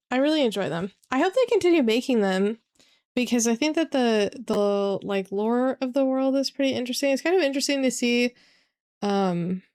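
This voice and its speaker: A woman's voice: on the high side, darkish tone. Rambling woman streamer chatting casually. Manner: rambling, hesitant, many fillers and restarts. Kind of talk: casual gaming stream chat. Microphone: desk microphone.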